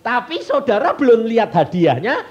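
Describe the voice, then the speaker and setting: This male evangelist, who has a Javanese Indonesian accent, preaches a folksy sermon, posing questions to the congregation and then answering them himself. His voice is very high-pitched and very animated at a normal speed, and the sound is lo-fi.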